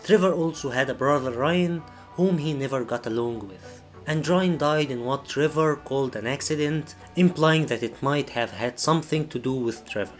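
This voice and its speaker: A man narrates a scripted video essay. His mid-pitched voice is serious and measured, with faint music behind it.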